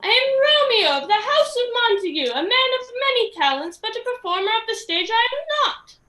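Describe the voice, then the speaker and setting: Young woman as a pompous lovesick romeo, super high bright voice, echoey stage, over the top shakespeare talk. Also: sing-song, a little fast, full character voice. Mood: haughty protest. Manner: pompous, declamatory. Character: pompous, melodramatic male Romeo, lovesick and easily offended. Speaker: student actor in a stage play. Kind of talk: live stage comedy acting in mock-Shakespearean English.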